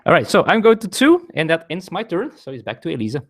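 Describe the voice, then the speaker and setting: Live-streaming a board game from his table at home, a man with a non-native English accent explains each rule fast, his pitch swinging widely. Between turns he chats with viewers and often stops to correct himself.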